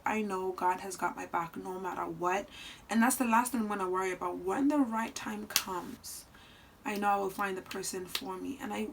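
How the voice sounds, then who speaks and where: A woman's voice: mid-range voice, a little hiss or hum, rough recording. Earnest young woman giving vlog advice. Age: 20s. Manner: earnest, animated, swings between soft asides and loud outbursts. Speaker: vlogger. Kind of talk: casual advice vlog talking to camera.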